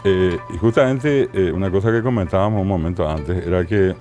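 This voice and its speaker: A man with a deep, mellow voice and a Paraguayan Spanish accent appears as a linguist guest in an interview, explaining place names. He is didactic and lingers slowly on each word, with soft music playing in the background.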